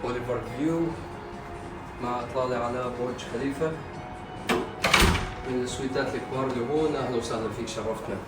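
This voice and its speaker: A man's voice: medium pitch, steady tone, fast talker, pauses often. A man, giving a polite, welcoming service talk as a hotel manager. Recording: echoey room, off-mic, music behind.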